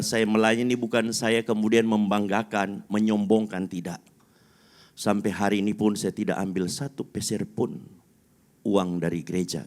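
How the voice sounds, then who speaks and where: A man preaching a sermon to his congregation, talking to them directly. He moves from low, quiet asides to loud, high exclamations. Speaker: pastor.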